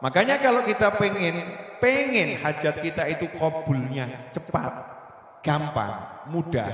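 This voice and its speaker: Animated male preacher in echoey hall. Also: a little high. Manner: animated, repeats words, breaks off mid-word. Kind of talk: sermon. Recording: echoey hall with long reverb.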